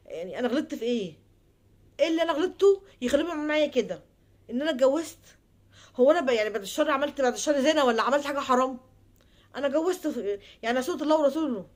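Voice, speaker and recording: Egyptian woman, high-pitched, rapid, pleading, repetitive, soft trailing murmurs, vlog advice. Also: lively intonation. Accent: Egyptian Arabic. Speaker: advice vlogger. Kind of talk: heartfelt personal monologue and advice.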